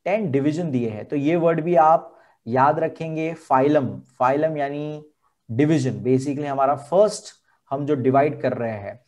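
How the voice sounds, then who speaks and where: Indian male teacher, slow and repetitive. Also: a little high, darkish tone. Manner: slow, repeating key terms. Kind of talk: board exam lesson.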